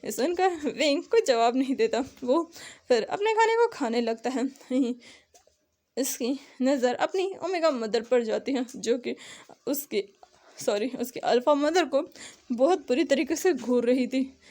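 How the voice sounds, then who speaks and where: A woman's voice: high voice, lively intonation, unhurried, darkish tone. A woman narrating a story retelling in a conversational way, sometimes correcting herself.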